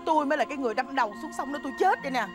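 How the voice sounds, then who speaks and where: A woman's voice: high voice, expressive, rapid-fire, over music. A woman with a Southern Vietnamese accent in a comedy sketch, playing a wife who complains melodramatically. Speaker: comic actress playing a wife.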